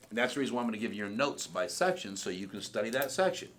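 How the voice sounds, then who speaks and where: A man's voice: on the low side, sing-song, very fast. A man giving a blunt, profane sales training talk to a group in a training room.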